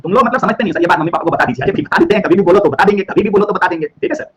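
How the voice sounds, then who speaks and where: A man's voice: high-pitched, expressive, rapid-fire, dull audio, slight background noise. A young man teaching a biology class, playful, repeating every phrase and checking in with his students. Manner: playful, repeats each phrase, constant "ठीक है sir?" tags. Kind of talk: online class lecture mixing Hindi and English.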